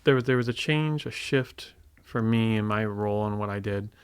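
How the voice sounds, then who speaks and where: Clean studio sound and a dry recording capture a low-ish, clean-toned male voice at normal speed. The speaker, a tech co-founder in his forties from Indiana, reflects calmly as an interview guest, restarting his sentences often in conversation.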